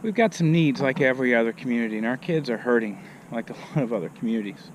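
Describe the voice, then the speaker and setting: A man's voice: medium pitch, animated, fast, slight background noise. A man, a pastor, giving a casual talk outdoors into a handheld phone while he climbs a hill, short of breath. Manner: out of breath from walking uphill. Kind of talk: casual vlog message while walking.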